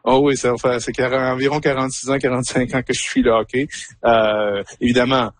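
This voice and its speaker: A man's voice: medium pitch, level tone, brisk, no echo. A man in his fifties with a Québécois accent, talking casually as a radio guest, hesitant with many fillers and repeated words. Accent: Québécois French. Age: 50s. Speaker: guest, hockey fan.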